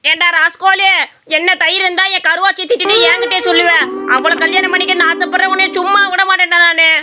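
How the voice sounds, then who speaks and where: Cartoon village uncle, loud and bossy, very high bright fast voice, a woman acting him. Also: little pitch movement, heavy background noise. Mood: blustering. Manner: blustering, shouting challenges. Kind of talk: Tamil cartoon story voice acting.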